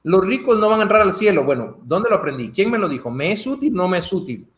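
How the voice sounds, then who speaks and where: This Guatemalan guest on a video call talks fast in a high-pitched, very animated voice, speaking Guatemalan Spanish. The conversation is casual, and he acts out the voices of those he's quoting.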